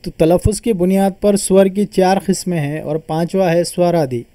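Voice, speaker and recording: A man's voice: high-pitched, steady tone, moderate pace, dark tone, dry recording. A man teaching a grammar lesson, patiently explaining and repeating terms as he sounds them out.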